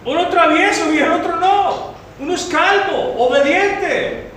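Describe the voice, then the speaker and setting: A man with a Central American Spanish accent preaching a sermon in a church, exhorting the congregation and rising to shouts. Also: unhurried, recorded from a distance. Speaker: pastor. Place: church hall. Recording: very echoey hall, mic from afar, faint rumble.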